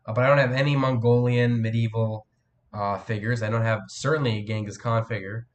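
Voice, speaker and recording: Sick with a cold, a teen male streamer keeps up a loose, rambling chat with his viewers, full of fillers and false starts, his voice cracking now and then. His mid-range voice holds a steady tone at a fairly quick pace, with a bit of hiss or hum on the recording.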